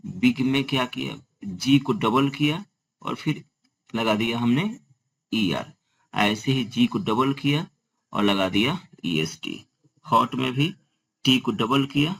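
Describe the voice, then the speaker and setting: A man's voice: mid-range voice, vocal fry, a bit bright, slightly rough, poor audio. A man teaching a grammar lesson, explaining step by step and asking and answering his own questions.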